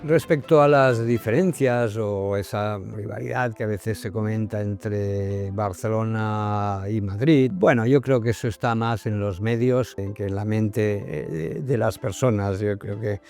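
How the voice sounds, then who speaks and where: A man's voice: lowish voice, steady tone, a little slow, few pauses, a little mellow, soft background music. A man speaking as a private bank executive in a corporate interview, thoughtful and hesitant with many fillers.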